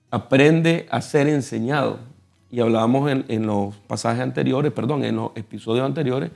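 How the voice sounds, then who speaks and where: A man with a Nicaraguan Spanish accent, a pastor explaining scripture in a measured, teaching tone on a television panel. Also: mid-range voice, vocal fry. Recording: soft guitar music behind.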